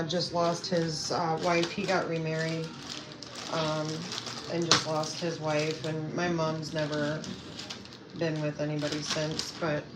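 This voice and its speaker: A low-voiced woman from Pennsylvania, USA, chats with her viewers against a noisy background with music. A self-care coach and vlogger, she answers them casually from indoors at home, rambling and hesitating with many fillers.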